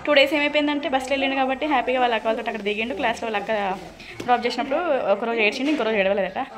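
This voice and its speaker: A young mother with a Telangana Telugu accent, softly narrating her son's school run to the camera for her vlog. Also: medium pitch. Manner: soft running commentary to camera.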